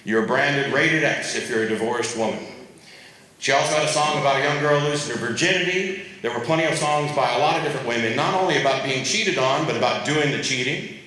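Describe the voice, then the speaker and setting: A man's voice: mid-range voice, brisk. Wry man debating in an echoey hall. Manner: wry, sarcastic, lively. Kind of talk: comic live debate speech. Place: convention hall stage.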